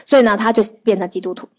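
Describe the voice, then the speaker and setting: A woman preaching, her voice sitting a little higher than most. She tells testimonies in a lively, conversational way and keeps asking her listeners questions. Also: a little fast. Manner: lively storytelling with rhetorical questions to the audience. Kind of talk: sermon.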